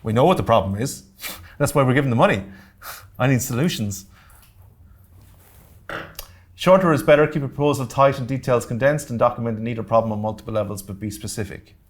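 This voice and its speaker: An Irish man with a mid-range voice runs a grants workshop for a live audience in a community centre meeting room. He speaks fairly quickly but pauses often, staying direct and practical, tossing in jokes and checking that the room is following.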